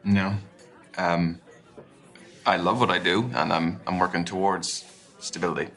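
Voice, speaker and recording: An awkward young speed dater with an Irish accent and a very deep voice. He jokes in a dry, hesitant way and stumbles over his words. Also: fairly even intonation, unhurried, fairly bright tone. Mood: awkward, joking. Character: awkward, sarcastic young man on a speed date. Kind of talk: live-action game acting.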